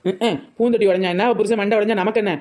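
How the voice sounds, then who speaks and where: A woman plays a brash street seller in a village comedy skit. She talks fast and boldly, with quick comebacks. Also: medium pitch, fairly even intonation, a little mellow. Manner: quick, bold village talk. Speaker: rose plant seller.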